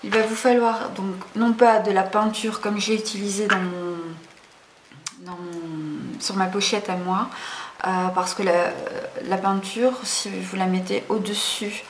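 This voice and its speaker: A woman's voice: medium pitch, steady tone, a little slow. A woman hosting a casual craft tutorial, chatty and hesitant, full of fillers and self-corrections. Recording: roomy echo, faint background noise.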